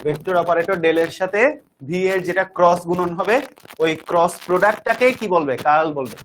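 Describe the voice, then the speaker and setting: Teaching physics online, a man repeats every definition and warmly asks his students whether they understand, addressing them directly. He has a high voice and talks a little fast, with a slight hiss or hum in the recording.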